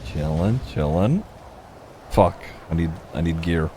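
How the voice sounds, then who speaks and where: A man's voice: low voice, animated, measured pace, dark tone, slight background noise. A male streamer roleplaying in a game and chatting with viewers, incredulous and laughing at his friend. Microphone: streaming mic.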